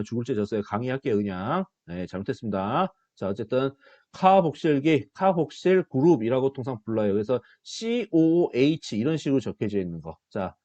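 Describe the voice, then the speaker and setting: A middle-aged male professor talks through a recorded biology lecture with a lively voice that rises and dips from phrase to phrase. He poses questions to his students and answers them himself. The sound is dry and slightly dull, close to the mic with no room echo. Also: mid-range voice. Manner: animated, self-deprecating asides, asks students questions and answers himself.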